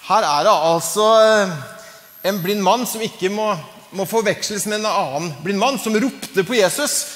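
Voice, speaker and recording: A man's voice: sits high, fairly bright tone. A man preaching a sermon in a conversational way, with frequent fillers and chuckles. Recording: long hall reverb.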